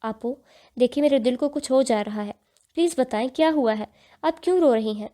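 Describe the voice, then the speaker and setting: A woman's voice: high-pitched, warm tone, close to an everyday voice. A woman voicing a cheeky, chatty younger sister in a storybook reading. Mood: worried.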